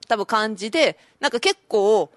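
A woman's voice: fairly high pitch, expressive, normal speed, no room sound. A woman, co-hosting a radio show and telling stories in casual chat. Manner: chatty, storytelling, laughs easily.

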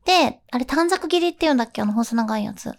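A woman's voice: a little high, animated, quick pace, creaky. A voice actress hosting a show, chatting casually and giggling often as she moves between polite and casual speech. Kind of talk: casual chat.

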